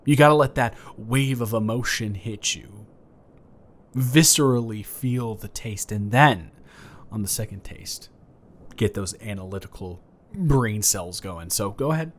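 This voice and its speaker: A man improvises a romantic audio roleplay, speaking straight to the listener as a flirty neighbor who playfully boasts. His voice sits on the low side and moves a little slowly, and his manner is teasing, stammering and rambling.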